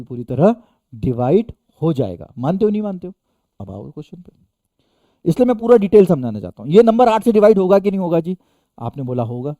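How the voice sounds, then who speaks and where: A male maths teacher with a dark, mellow voice pitched a touch high, quizzing his students and answering for them, with emphatic rises on key points. The sound is dry and close. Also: dry recording. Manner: repeats questions back to students and answers them himself; addresses students fondly as children. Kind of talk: classroom-style maths lesson.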